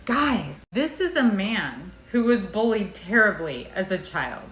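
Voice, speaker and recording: Satirical news host for an anchor parody: American woman, mid-pitched voice, wry and conversational, roomy echo. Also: sing-song, a little slow, fairly bright tone. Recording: echoey, roomy sound.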